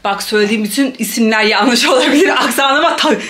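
Young woman, travel vlogger, casual chat, playful, laughs a lot, handheld camera, slightly high voice. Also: quick pace. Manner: playful and chatty, laughs often, lively exclamations.

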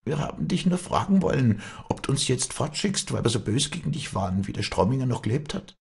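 A meek farm maid hurries through an apology in a raised, rushed voice, as a husky-voiced man puts her on. She sounds cowed, speaking in rural dialect. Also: medium pitch, very animated, a little mellow, pitched above the performer's own voice, exaggerated voice. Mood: apologetic. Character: timid, submissive farm maidservant.

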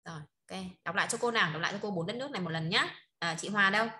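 A woman from northern Vietnam teaches Chinese over an online video call, her medium-pitched voice bright and forceful as she races along. She checks in often with short tag questions and laughs easily.

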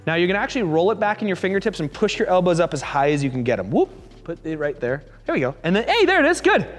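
A man coaching a fitness class, encouraging and joking as he calls out quick repeated cues. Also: high-pitched, big pitch swings. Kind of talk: live coaching class instruction. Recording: echoey hall reverb.

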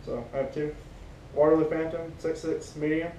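Indoors in a living room, a young American man co-hosting fishing gear reviews chats casually with a warm tone, fairly even intonation and a moderate pace. A camera a few metres away picks him up, so the audio sounds distant and roomy, with rumbly background noise.

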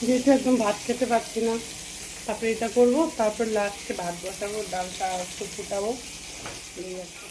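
A woman's voice: medium pitch, a little fast, background noise. Chatty Bengali woman vlogging while cooking. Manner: chatty, talks to viewers while cooking and walking. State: unwell with a cold. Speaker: family vlogger. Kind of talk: casual vlog chat while cooking.

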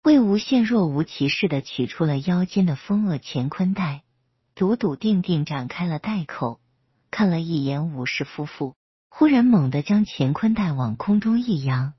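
A woman storyteller with a husky voice narrates serialized fan fiction. Her voice sits low. The recording is dry, close and dull. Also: no echo.

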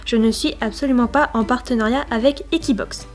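A woman's voice: on the high side, fairly quick. A young French-speaking woman, chatty and enthusiastic, reviewing a subscription box in a casual vlog on a lapel mic. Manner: chatty, enthusiastic, reads product blurbs aloud. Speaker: equestrian vlogger. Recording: faint music behind the voice. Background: faint background music.

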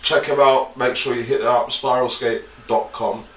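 A man's voice: mid-range voice, steady tone, moderate pace. A man hosting a casual chat interview, loose and joking, swearing casually. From southern England. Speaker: host. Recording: echoey room, distant mic, faint noise.

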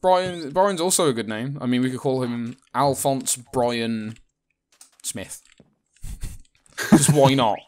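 A British man chats through a game in a loose, rambling way, joking, laughing and swearing as he goes. His voice sits at an ordinary middle pitch. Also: slow, long pauses, a little mellow. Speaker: gaming channel co-host. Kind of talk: casual let's-play chat.

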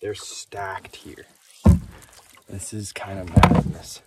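A man's voice: low-pitched, completely flat delivery, slow pace, heavy background noise. A young man in his twenties talking casually and cheerfully to camera while fishing from a canoe on a lake, laughing often and exclaiming when fish bite. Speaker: angler vlogger. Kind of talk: casual outdoor vlog narration. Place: canoe on an open lake outdoors.

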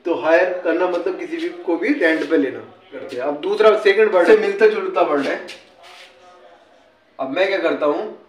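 In an echoey room, a man with an Indian accent and a high voice explains English words at normal speed, teacher-style. It's a casual classroom-type explanation where he often poses a question and answers it himself.

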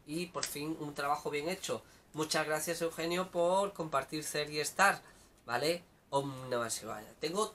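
A man's voice: medium pitch, a bit bright, slight background noise. A man giving a casual live tarot reading, chatty and repetitive, calling out viewers by name. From Spain. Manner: chatty, repeats words, greets viewers by name. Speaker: tarot reader on a live stream.

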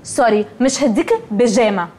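A woman's voice: on the high side, brisk, darkish tone, close to an everyday voice. An actress playing a spoiled, haughty rich young woman in a TV sitcom, speaking Egyptian Arabic and dropping English words. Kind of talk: TV sitcom acting.

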